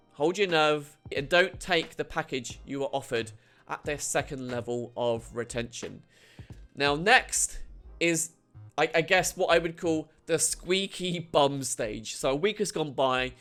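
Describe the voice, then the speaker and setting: Guy chatting casually, kinda wry, slightly high voice, bit of music under it. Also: a bit bright. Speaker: host. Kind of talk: casual advice talk.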